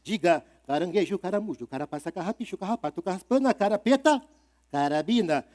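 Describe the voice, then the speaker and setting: A man with a Brazilian Portuguese accent voicing a bossy, nasty wicked witch in a live told story, loud and insistent. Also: high voice, expressive. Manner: loud, insistent, rapid tongue-twister lists.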